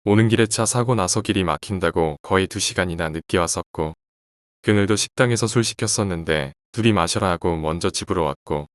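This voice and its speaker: A man narrating a first-person horror story aloud in a quiet, measured reading. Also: sits low, dry recording, studio quality.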